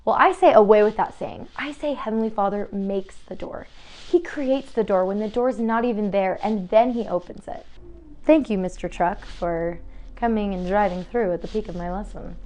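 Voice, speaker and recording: Casting note: young woman, bubbly and chatty, casual home vlogger, warm faith talk. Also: mid-range voice, normal speed. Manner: bubbly and chatty, with frequent "like" and laughs. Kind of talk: casual faith-based vlog chat. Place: new family home.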